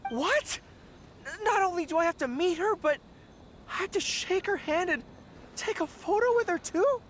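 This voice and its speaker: An actor playing a nervous, earnest young man in a video game, halting, flustered and polite. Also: medium pitch, sing-song, a little hiss or hum, lightly acted. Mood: panicked. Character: nervous, earnest young male festival errand-runner.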